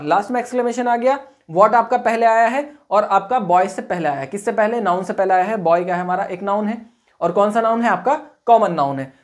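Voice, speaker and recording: Woman teaching, quizzing herself as she goes. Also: mid-range voice. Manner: asks questions and answers them herself, reads examples out slowly. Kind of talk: classroom lecture.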